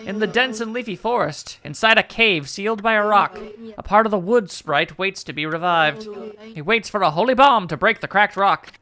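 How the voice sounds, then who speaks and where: Eccentric, bone-obsessed fortune teller lady, played by a man; mystical game prophecies, theatrical, bright delivery. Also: high-pitched, normal speed. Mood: dramatic prophecy. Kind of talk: comic read-aloud of video game dialogue.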